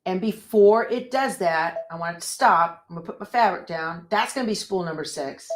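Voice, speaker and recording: A woman's voice: on the low side, moderate pace. Chatty woman demoing an embroidery machine. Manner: chatty, thinks aloud, reads viewer comments. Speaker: embroidery instructor. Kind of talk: live-stream machine embroidery demo. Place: sewing room.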